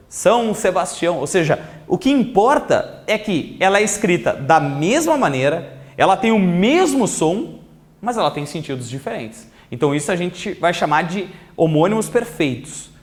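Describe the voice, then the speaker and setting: Lively high-voiced male teacher. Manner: lively, stretches words slowly for emphasis. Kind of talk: recorded video lesson.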